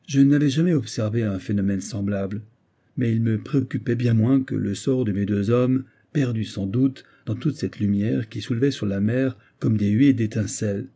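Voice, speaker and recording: Man reading a solemn sea captain, storybook audiobook, dark husky voice. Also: on the low side, normal speed. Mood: grave. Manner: grave, storytelling. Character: weathered male sea captain recounting an eerie tale. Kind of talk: scripted narration of a classic story.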